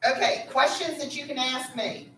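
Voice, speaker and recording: A woman's voice: sits high, expressive, normal speed, a bit bright. Woman patiently explaining spelling bee rules. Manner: patient, instructive, repeats "okay?". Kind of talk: giving rules and calling words. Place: school room. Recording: echoey room from far off, faint noise.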